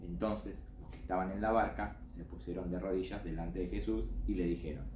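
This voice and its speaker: A man's voice: deep voice, fairly even intonation, a little fast, noisy background. A man teaching a children's church class, reading a Bible passage aloud with expression and voicing the quoted lines. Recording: echoey room.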